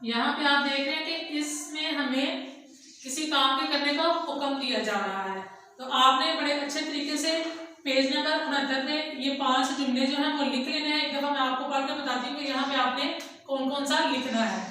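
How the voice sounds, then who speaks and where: A woman teacher with a Pakistani Urdu accent leads an online lesson, slowly spelling out sentences word by word. Her voice is high and bright. It sounds distant, in a strongly echoing room. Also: fairly even intonation, slight background noise. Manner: slow, dictating word by word.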